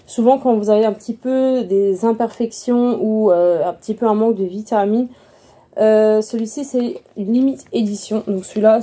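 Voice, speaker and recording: A woman vlogger chatting casually through a beauty haul, repeating words and filling pauses. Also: a little high, dark tone. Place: room at home.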